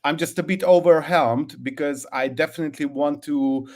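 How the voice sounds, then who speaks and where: A man's voice: on the high side, fairly even intonation, moderate pace, darkish tone. A man from Hungary, calling in to ask questions, speaking hesitantly with many fillers and restarts. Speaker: caller, new agency owner. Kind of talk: casual call-in question.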